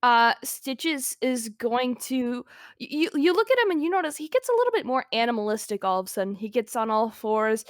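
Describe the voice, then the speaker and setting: Lively higher-voiced woman player. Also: brisk, no echo, studio quality. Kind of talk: playing a tabletop game.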